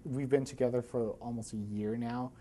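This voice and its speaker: A woman's voice: very deep voice, fairly even intonation, moderate pace, dark tone, slight background noise. A woman college student speaking thoughtfully, with frequent fillers, in a documentary interview. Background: background music.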